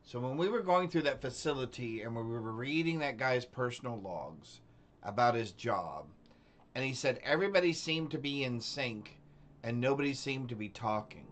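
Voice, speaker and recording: Guy playing a game and thinking out loud, chatty, curious, casual. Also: mid-range voice, animated, moderate pace. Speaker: gaming streamer. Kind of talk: casual gameplay commentary.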